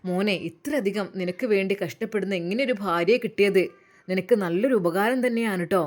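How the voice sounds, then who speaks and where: A woman's voice: medium pitch, brisk, lightly acted. A woman voicing a cheerful hospital doctor who talks heartily to a patient. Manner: hearty, praising.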